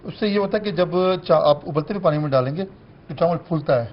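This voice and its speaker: A man's voice: fairly high pitch, muffled recording. A male guest chef on a morning show, explaining a recipe step by step. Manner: instructive, step-by-step.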